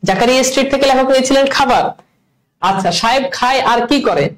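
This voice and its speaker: A man teaching an online class, quizzing students with rapid questions and then answering them himself. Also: very high voice, rough recording. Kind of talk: online class quiz review.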